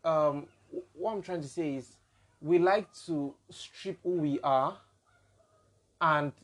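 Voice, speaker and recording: A man's voice: fairly high pitch, takes it slowly, a bit bright. A man with a Nigerian accent hosting a casual podcast discussion, building his points through examples. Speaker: podcast host.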